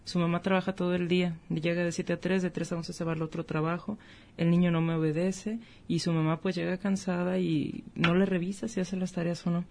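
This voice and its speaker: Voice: medium pitch, little pitch movement, brisk, creaky, darkish tone, slight background noise. A co-host, chatting casually on a talk show and sharing personal stories about being a parent. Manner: shares personal anecdotes as a parent.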